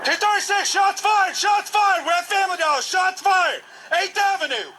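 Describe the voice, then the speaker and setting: Brief: male officer yelling a police radio call, strained and very high, heard far off through heavy noise. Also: moderate pace. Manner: frantic strained shouting. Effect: shouting a call into his police radio. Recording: distant noisy body camera audio.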